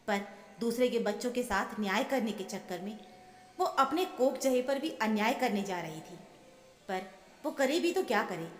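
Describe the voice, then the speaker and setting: A woman telling a scripted emotional family story in an earnest, measured manner. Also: on the high side. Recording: echoey with long reverb, soft music. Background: soft background music.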